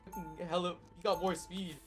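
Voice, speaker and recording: A man's voice: high-pitched, level tone, moderate pace. A man chatting and making callouts in an online game in casual street slang, peppered with "bro" and swearing. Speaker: team player in online shooter. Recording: loud game music behind voice. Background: loud game music.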